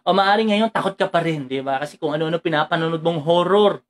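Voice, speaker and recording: A woman preacher with a Filipino accent giving an animated sermon, moving between Tagalog and English and often asking her listeners direct questions. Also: fairly low pitch, a little fast. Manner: animated, mixes Tagalog and English, acts out quoted speech; asks the congregation direct questions.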